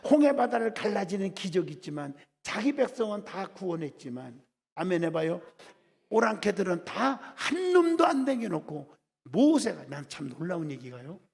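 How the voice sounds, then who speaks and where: A pastor preaches a revival sermon in an echoey church hall, constantly calling on the congregation to answer back. His voice is high, a little mellow and husky, with vocal fry.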